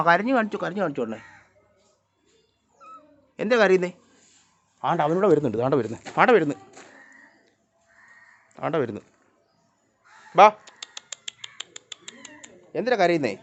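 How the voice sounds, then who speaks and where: Lively sing-song pet vlogger. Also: medium pitch, measured pace, pauses often. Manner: coaxing, teasing sing-song talk to animals. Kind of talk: casual talk to pet cats. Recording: dull lo-fi recording.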